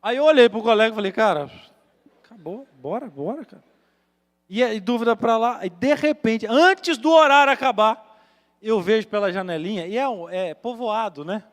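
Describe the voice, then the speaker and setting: High-voiced preacher telling a dramatic story. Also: male voice, animated, normal speed. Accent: Brazilian Portuguese, Minas Gerais. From Minas Gerais, Brazil. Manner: dramatic storyteller acting out voices, swinging from loud to hushed. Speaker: pastor. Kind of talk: sermon storytelling. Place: large church hall. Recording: reverberant church hall with music.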